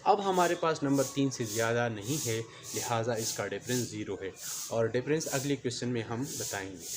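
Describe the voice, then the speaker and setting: Man explaining math over background noise. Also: medium pitch. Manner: explains slowly, repeating steps and counting aloud. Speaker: math teacher. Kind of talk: step-by-step math lesson.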